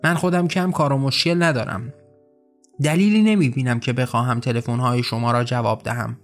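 A man's voice: mid-range voice, close to an everyday voice. In an audiobook story, a cold and impatient mother snaps curt, scornful words, as a man reads her part. The delivery is short and cutting, with faint music underneath.

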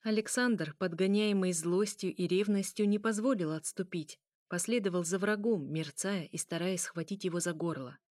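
A woman narrating a story in a measured, even reading voice. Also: lowish voice, no echo, clean studio sound. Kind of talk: audiobook narration.

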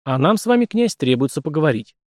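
A man's voice: on the high side, big pitch swings, quick pace, no room sound, clean studio sound. A man voicing a flustered, apologetic count hosting guests, in a storybook reading. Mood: fussy. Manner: fussy, apologetic. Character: flustered middle-aged count, the host.

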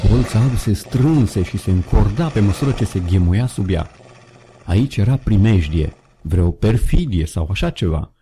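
Male narrator, low voice, measured, dramatic storytelling, faint background sounds. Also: dark tone, slight background noise. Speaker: audiobook narrator. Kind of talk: audiobook narration with sound effects.

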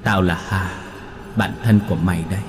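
A man voicing the ghost of a murdered teenage girl who pleads in a hollow, drawn-out wail. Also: deep voice, fairly even intonation, over music, natural voice. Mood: mournful pleading.

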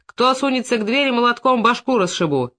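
A woman's voice: medium pitch, lively intonation, normal speed, a bit bright, close to an everyday voice. A woman reading an audiobook, voicing an insolent, mocking petty-thief man. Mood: threatening.

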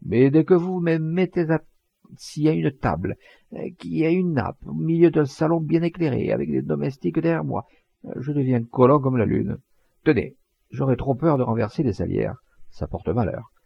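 A man voicing a blunt, boastful rustic poacher, with a husky, gravelly voice and earthy, emphatic talk. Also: fairly high pitch, normal speed, no echo, muffled recording, voice pushed up. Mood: earnest. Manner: earthy, plain-spoken, emphatic.

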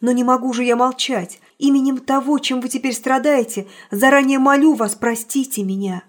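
Woman doing a shy lovesick young man, audiobook, impassioned, raised pitch, breathy. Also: normal speed. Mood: earnest. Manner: earnest, impassioned confession. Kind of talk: audiobook character reading.

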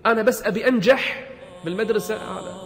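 A man's voice: high-pitched, fast talker. A man preaching a motivational sermon, emphatic, firing rhetorical questions and repeating himself for force. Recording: long hall reverb with background music.

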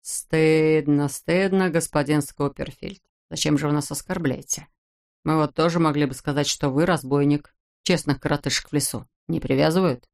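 An audiobook reader voicing a smooth-talking, mock-polite con man. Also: medium pitch, fairly even intonation, moderate pace, darkish tone, pitched below the performer's own voice, close to an everyday voice. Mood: mock reproach. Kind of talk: audiobook character voice.

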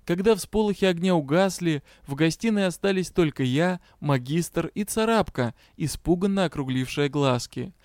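Male audiobook narrator, even storytelling, smooth tone, dry studio sound. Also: fairly high pitch, moderate pace, few pauses, no echo. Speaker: audiobook reader. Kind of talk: scripted narration.

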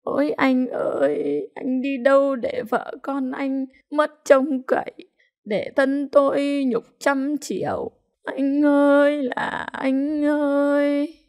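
A woman voicing a poor grieving peasant widow who wails in a high, drawn-out voice. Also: sing-song. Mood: wailing.

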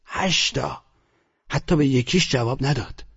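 A man's voice: mid-range voice, vocal fry, fairly bright tone, breathy edge, highs cut off, voice pushed up. A man voicing a rude, weary young man who answers curtly and sarcastically in an audiobook story. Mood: gruff. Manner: curt, cursing, sarcastic.

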